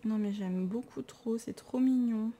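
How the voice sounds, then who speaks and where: A woman's voice: a little high, measured pace, dark tone. A tired woman with a French accent, chatting casually and enthusiastically about her books in a vlog. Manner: chatty and enthusiastic, self-mocking. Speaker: vlogger. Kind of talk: casual chat, showing books.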